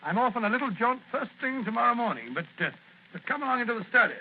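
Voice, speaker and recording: Dr Watson, a chuckling old storyteller. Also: male voice, very high-pitched, sing-song, fast, heavily acted. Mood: genial. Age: older. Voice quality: warm, chuckling, stammering. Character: older male Dr Watson, genial, chatty and sentimental. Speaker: narrator and storyteller. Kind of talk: 1940s radio drama acting. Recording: tinny old radio broadcast with faint hiss.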